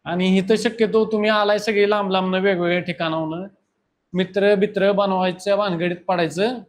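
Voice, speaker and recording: A man, teaching a class and lecturing students bluntly. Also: high-pitched. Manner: scolding, blunt, talks straight at students. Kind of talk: classroom lecture and pep talk.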